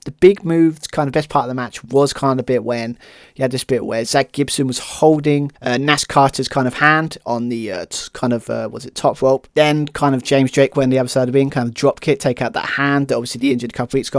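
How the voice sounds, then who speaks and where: A man hosting his podcast solo, talking through a review in a loose, rambling way, with constant "kind of" and "um". He sounds keen. His voice sits at a middle pitch, and the recording is dry and close, with no room sound. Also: fairly even intonation, fast talker, no room sound. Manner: rambling, heavy use of "kind of" and "um"; enthusiastic. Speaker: podcast host.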